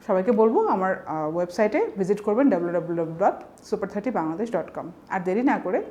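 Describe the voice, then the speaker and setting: A woman's voice: medium pitch, lively intonation, quick pace, dark tone. A woman with a Bangladeshi Bengali accent teaching an online vocabulary lesson, explaining step by step and posing frequent rhetorical questions. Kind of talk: online exam-prep lecture.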